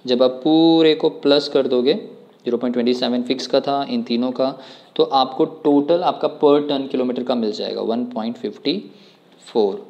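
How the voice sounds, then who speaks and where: A man's voice: mid-range voice, fairly even intonation, normal speed, darkish tone, highs cut off. A man tutoring students through an exam problem step by step, often asking questions back at them. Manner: explains step by step, asks rhetorical questions. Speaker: commerce tutor. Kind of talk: exam problem walkthrough lesson.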